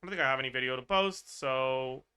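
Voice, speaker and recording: Bright-voiced swearing game streamer man. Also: medium pitch, quick pace, clear, resonant tone. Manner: casual, swears, laughs, thinks aloud. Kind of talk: livestream game chat.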